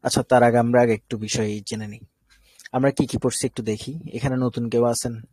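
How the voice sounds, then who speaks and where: A man's voice: mid-range voice, level tone, a little fast, warm tone, husky, no room sound. A man from Bangladesh teaching an online Arabic class, explaining step by step and often checking that students follow. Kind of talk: live online class lecture.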